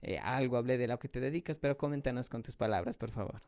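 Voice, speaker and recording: Smooth-voiced devout radio host man. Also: medium pitch, a little mellow, no room sound, clean studio sound. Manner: measured, devout, slows for prayers.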